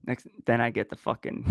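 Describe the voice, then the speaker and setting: A man's voice: a little slow, no room sound, studio quality. A man telling a personal story in casual chat, swearing constantly and laughing between sentences. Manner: profane, rambling, laughs often. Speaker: podcast host.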